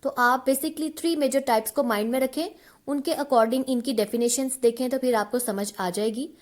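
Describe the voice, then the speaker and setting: A woman gives a literature lecture in a high, clear voice. She reads each definition slowly and deliberately, then switches to an easy, conversational explanation in Hindi. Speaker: English literature teacher. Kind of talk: online lecture mixing Hindi and English.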